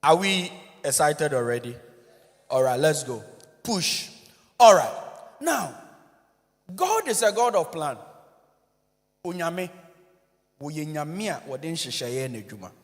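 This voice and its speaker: A man with a Ghanaian accent, a church minister giving an animated, joking conference talk that switches between English and Twi. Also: a little high, slow, pauses often. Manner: animated, joking, code-switching, addresses audience directly. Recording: long reverb of a large hall.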